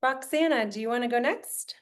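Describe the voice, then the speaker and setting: A woman's voice: fairly high pitch, fairly quick. Upbeat woman moderating a session. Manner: upbeat, eager. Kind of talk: moderating an online info session. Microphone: video call.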